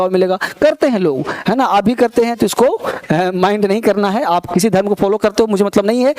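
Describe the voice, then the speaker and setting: This man's high voice has a darkish tone as he runs a classroom grammar lesson in Hindi. Drilling English spelling and pronunciation, he repeats words for his students and tests them on each one.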